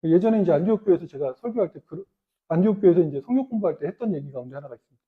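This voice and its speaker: A man preaches a Sunday sermon in a high, animated voice that swings widely in pitch. He talks to the congregation in a conversational way and acts out the people he quotes. The recording is tinny, as if heard over a phone line. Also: rapid-fire. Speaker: pastor.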